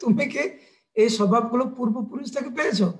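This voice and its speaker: Stern mother played by a man, angry, scolding, high voice, sermon storytelling. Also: expressive, slow pace, darkish tone. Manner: scolding, accusing questions.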